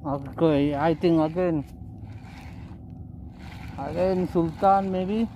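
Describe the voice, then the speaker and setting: A man's voice: on the high side, slow, mellow, muffled recording, slight background noise. A middle-aged man chatting casually to viewers as he fishes from a small boat, filming on a phone held at arm's length, with boat and water sounds behind. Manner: chatty, addresses viewers as guys, simple phrasing. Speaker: fishing vlogger. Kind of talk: casual narration while fishing. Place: outdoors on a small boat at sea.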